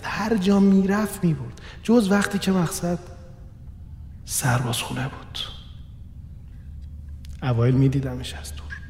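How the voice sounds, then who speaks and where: A man narrating a first-person radio story in a quiet, reflective, measured way. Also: on the high side, a little hiss or hum. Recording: reverberant room with soft background music.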